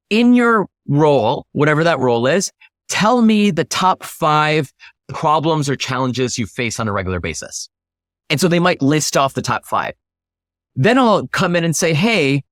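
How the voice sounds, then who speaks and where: A man with a somewhat high-pitched voice appears as an interview guest; he's a startup founder who explains things emphatically and instructively. He illustrates his points by acting out example questions, and the recording is very dry, free of room echo.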